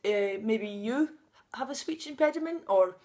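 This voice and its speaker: Speaking at normal speed, this woman has a somewhat high, expressive voice with a darkish tone. She's in her thirties and records a personal vlog outside on a sunny day, talking candidly and emotionally, occasionally laughing, with a stutter that blocks on initial sounds.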